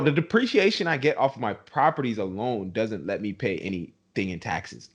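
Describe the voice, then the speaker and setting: A young man co-hosting a podcast, ranting with heavy emphasis and calling listeners "bro". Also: mid-range voice. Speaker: podcast co-host. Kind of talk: passionate podcast rant.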